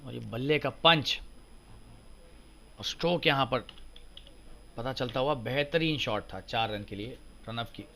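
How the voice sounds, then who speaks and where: Bright, excited male cricket commentator. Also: mid-range voice, unhurried, vocal fry, pauses often, slight background noise. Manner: excited cricket commentary, voice surging on big shots. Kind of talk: live cricket commentary in Hindi.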